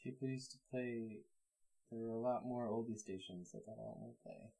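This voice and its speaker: A woman playing a board game with the host, making low-key remarks between turns. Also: steady tone, moderate pace, mellow, low-quality recording. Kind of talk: casual board game chat.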